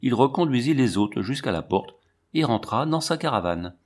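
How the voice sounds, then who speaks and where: A man narrating a classic novel as an audiobook in measured storytelling. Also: medium pitch, expressive, a little mellow.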